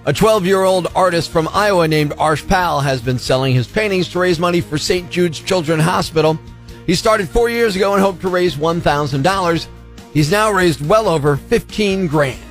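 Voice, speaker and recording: A man's voice: sits high, moderate pace, faint music behind. A man reading a short upbeat news item on the radio. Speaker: news reader. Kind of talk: scripted news brief.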